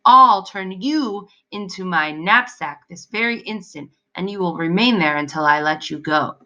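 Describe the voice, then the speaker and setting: A fearless young soldier talks in an easy, unruffled way, as a woman reading a storybook plays him. Bright and a bit low, in the reader's own voice. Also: measured pace, low-quality recording. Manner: calm, casual, self-assured. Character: brave, cool-headed young male soldier.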